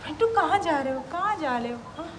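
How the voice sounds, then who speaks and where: High, sing-song woman coaxing a pet. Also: animated, quick pace. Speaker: pet parrot owner. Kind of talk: talking to a pet parrot. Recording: echoey room with clear household noise.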